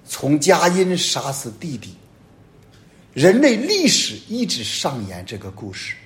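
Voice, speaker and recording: Man preaching with sweeping pitch swings. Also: wildly swooping pitch, measured pace. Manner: emphatic preaching, sweeping rises and drops in pitch and loudness. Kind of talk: homily.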